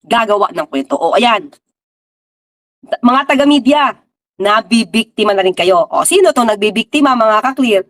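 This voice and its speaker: A woman's voice: fairly high pitch, fairly bright tone. A woman giving casual political commentary, talking straight to her viewers with rhetorical questions and English mixed in. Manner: mixes English into her talk.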